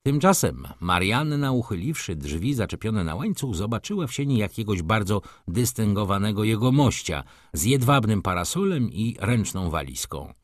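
A man narrating a classic novel in an expressive, theatrical storytelling manner. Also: fairly low pitch, normal speed, few pauses, dry recording, clean studio sound. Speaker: audiobook narrator.

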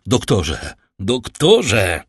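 A man's voice: on the low side, huge pitch swings, very slow, fairly bright tone, slightly rough, no echo, clean studio sound, exaggerated voice. A man voicing a distraught nobleman father in an audiobook, calling out raised, pleading and panicked. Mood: anguished. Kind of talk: audiobook character reading.

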